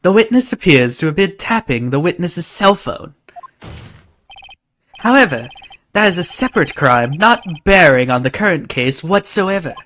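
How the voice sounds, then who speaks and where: A woman's voice: on the low side, expressive, moderate pace, fairly bright tone, slight background noise. A woman playing a stern old male judge. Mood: formal. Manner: formal, slipping and apologetic.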